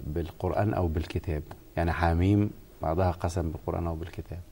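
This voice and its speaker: A male host interviewing a guest, asking short prompting questions and adding quick agreeing remarks. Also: sits low, steady tone, mellow, husky. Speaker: program host. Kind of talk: interviewing a guest on a studio show.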